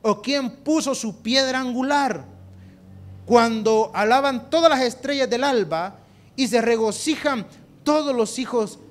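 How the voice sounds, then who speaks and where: A man preaching, voicing God in slow, weighty questions. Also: very high voice, pitched above the performer's own voice. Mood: solemn. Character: solemn God of old, male, questioning a sufferer.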